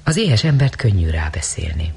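A man narrating a story as an audiobook, reading in an expressive, dramatic way. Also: low-pitched, vocal fry, a little hiss or hum.

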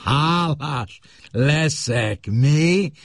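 A man's voice: on the high side, expressive, no echo, studio quality, pitched above the performer's own voice. A man voicing a blunt, scornful middle-aged father. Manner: scornful, mocking.

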